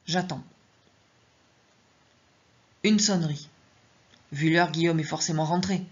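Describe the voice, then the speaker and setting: Woman, author reading her story, first person, measured tense narration, low voice, dull lo-fi recording. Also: steady tone, husky.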